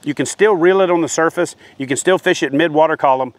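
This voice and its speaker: A man in his forties teaches fishing technique outdoors beside a shed, talking steadily as he demonstrates with his hands. His voice sits a bit high for a man. The lapel mic keeps the sound close and dry. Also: fast, dry recording. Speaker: fishing instructor. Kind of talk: instructional talk to camera.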